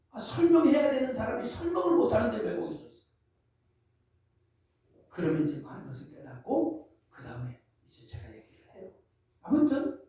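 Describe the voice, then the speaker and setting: A man's voice: high voice, warm tone. A middle-aged male pastor preaching conversationally to church officers, asking rhetorical questions and acting out dialogues. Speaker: senior pastor. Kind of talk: sermon training church officers. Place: church sanctuary. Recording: very echoey hall, voice from far off.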